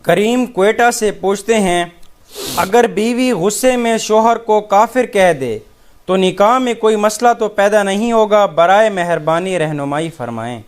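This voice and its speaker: A man reading out a viewer's question to the mufti in a measured, formal way. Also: high-pitched.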